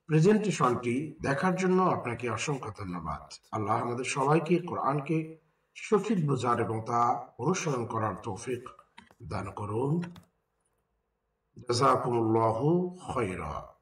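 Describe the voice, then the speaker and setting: A man teaching Quran recitation step by step, slowly spelling out and repeating the Arabic words. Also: medium pitch, sing-song, recorded from a distance. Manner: slow, drawn-out spelling and repetition of Arabic words.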